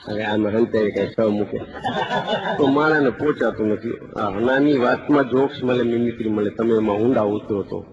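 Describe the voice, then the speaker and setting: A man's voice: mid-range voice, fairly quick, a crowd in the background. A man with a Saurashtrian Gujarati accent doing live stand-up comedy, talking in a chatty way and asking the audience rhetorical questions. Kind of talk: live stage comedy patter. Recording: dull live recording with loud audience.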